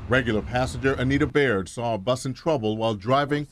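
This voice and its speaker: A middle-aged man with a medium-pitched voice reports an investigative news story. His delivery is scripted, measured and emphatic.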